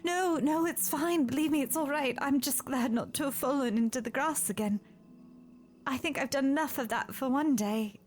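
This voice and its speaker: A woman playing a tired, polite and flustered young princess in an audio drama, speaking haltingly. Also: high-pitched, natural voice. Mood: flustered, reassuring. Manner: halting, polite, formal phrasing. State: tired, breathy sighs. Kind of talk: fan audio drama acting.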